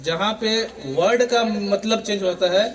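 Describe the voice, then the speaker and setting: A man's voice: sits high, measured pace, a bit bright. A male schoolteacher, leading a morning assembly lesson and quizzing students for chorus answers. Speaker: school teacher. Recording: children's crowd audible behind.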